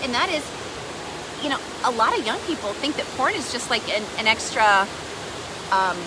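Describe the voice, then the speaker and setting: A woman with a fairly high voice talks casually to her livestream viewers. She is upbeat, chatty and quick to joke as she co-hosts. A steady rushing noise sits clearly behind her voice. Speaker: co-host promoting a giveaway.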